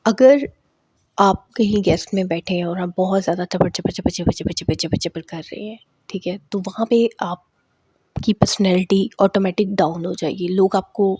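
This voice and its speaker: A woman's voice: mid-range voice, moderate pace, dark tone, slightly rough. A woman vlogger giving casual advice to camera, chatty and repetitive, dropping in English words. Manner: chatty, repeats herself, mixes in English words.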